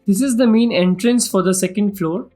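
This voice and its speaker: A man's voice: high-pitched, normal speed, dark tone. Indian-accented man presenting a property tour, music behind. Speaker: property vlog host. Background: background music.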